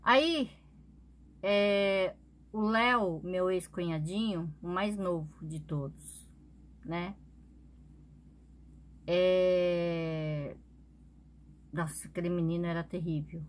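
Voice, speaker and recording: A woman's voice: on the low side, slow, long pauses. A woman vlogger telling a personal story in a casual, chatty way, often adding little tag questions.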